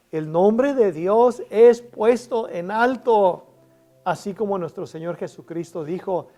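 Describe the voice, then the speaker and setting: A man preaches a sermon in a high voice. He takes it slowly, stretching key phrases for emphasis. Soft music plays faintly behind him. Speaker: pastor.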